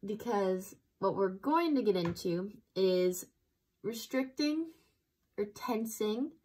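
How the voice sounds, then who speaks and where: A woman teaching an intro breathwork lesson, explaining slowly and gently and guiding the listener through breaths. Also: mid-range voice, lively intonation, poor audio. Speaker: breathwork instructor.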